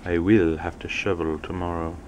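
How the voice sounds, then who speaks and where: Very deep-voiced deadpan man, noisy home audio. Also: normal speed, muffled recording. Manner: dry, deadpan teasing. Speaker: father and family vlogger. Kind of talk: casual home vlog. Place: family home kitchen.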